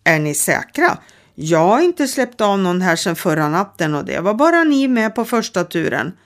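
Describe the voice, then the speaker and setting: A woman's voice: lowish voice, sing-song. Woman doing old train driver man, fussy, fretting, old-fashioned, storybook.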